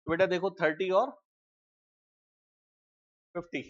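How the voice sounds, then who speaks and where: A man teaching a live programming class, explaining step by step and often asking students quick check questions. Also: high voice, lo-fi sound. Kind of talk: live classroom coding lecture.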